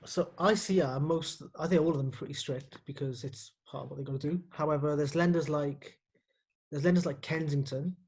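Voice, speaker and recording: Husky, somewhat high-voiced broker guy, explains lending matter-of-factly in a live Q&A. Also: fairly even intonation, a little mellow. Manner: explanatory, matter-of-fact, quick. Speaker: mortgage broker guest. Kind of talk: casual live Q&A chat.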